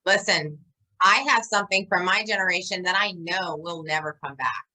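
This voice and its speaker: A woman's voice: on the low side, normal speed, poor audio. A woman in her forties with a New York accent, co-hosting a casual chat and telling stories with lots of laughter. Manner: animated storyteller, laughs a lot. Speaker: podcast co-host.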